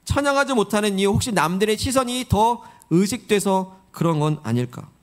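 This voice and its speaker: A man's voice: sits high, expressive, normal speed. A man preaching a sermon to his congregation in church, earnest and coaxing, asking questions and leading call-and-response. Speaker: pastor. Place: church sanctuary.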